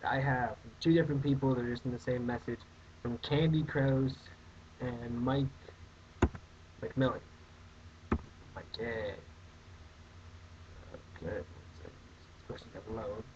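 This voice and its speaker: A man's voice: medium pitch, steady tone, unhurried, pauses often. A young man hosting a casual comedic vlog, answering viewer questions in a rambling, mock-outraged way. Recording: dull lo-fi webcam audio, faint hiss.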